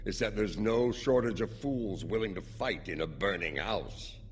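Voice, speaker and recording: A man's voice: on the low side, normal speed, natural voice. An actor playing a wry, battle-seasoned warrior, a man acting for a video game. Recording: long reverb, faint noise.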